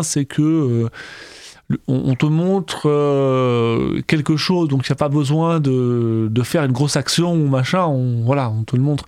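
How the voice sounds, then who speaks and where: A man co-hosting a casual film discussion, speaking haltingly as he searches for words. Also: on the high side, a little mellow, dry recording, studio quality. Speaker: film discussion podcast co-host. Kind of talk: casual film review chat.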